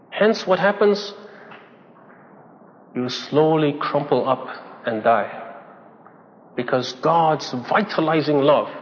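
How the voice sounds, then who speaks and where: A man's voice: on the high side, slight background noise. A man preaching a sermon, emphatic, repeating phrases and asking rhetorical questions. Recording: dull lo-fi recording with long hall reverb.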